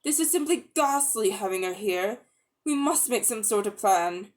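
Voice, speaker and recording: A woman's voice: mid-range voice, lively intonation, normal speed, close to an everyday voice. Woman as an urgent, indignant young schoolboy. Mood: urgent, pleading. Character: earnest, exasperated young schoolboy. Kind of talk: dramatic storybook reading.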